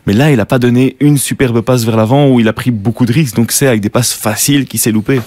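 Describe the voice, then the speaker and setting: A man's voice: medium pitch, fairly even intonation, quick pace, darkish tone, no room sound. A man giving blunt, opinionated football analysis on a studio panel. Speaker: football pundit. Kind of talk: studio sports discussion.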